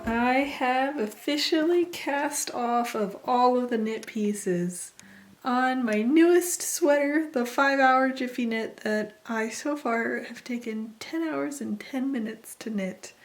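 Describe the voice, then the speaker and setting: A woman talking casually to camera as a vlogger, in a chatty, rambling, informal way. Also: on the high side. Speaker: knitting vlogger.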